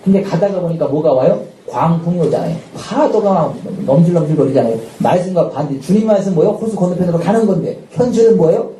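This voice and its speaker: A male pastor preaching a sermon with lively energy, often shouting out dramatic lines and laughing. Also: high voice, fast talker, hardly any pauses. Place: church sanctuary at a Friday night service. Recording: echoey church hall, distant mic, faint noise.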